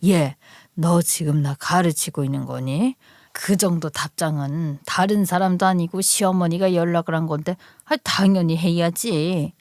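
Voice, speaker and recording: An indignant older mother-in-law, put on by a woman narrator who scolds in slow, drawn-out phrases. Her voice drops lower than the narration and sounds dry and close. It plays as acted dialogue in a narrated story. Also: a little mellow, dry recording.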